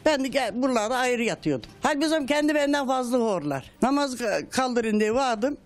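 A woman's voice: fairly high pitch, lively intonation, fairly quick. An older widow giving emotional testimony in her home, retelling events and acting out the quoted dialogue in a raised voice.

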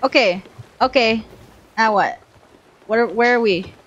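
Her voice is a little high and a bit bright, at a measured pace, with the highs cut off. She's a young game streamer on a headset mic, chatting casually through live gameplay, thinking aloud in short bursts over faint game music.

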